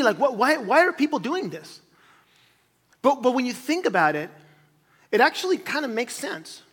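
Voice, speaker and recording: A man preaching a sermon with a notably high voice. He talks to the congregation conversationally, restarting phrases and adding asides. His voice rings out with long reverb. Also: fairly bright tone. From grew up in Chile as a missionary kid. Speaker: pastor. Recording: church hall reverb.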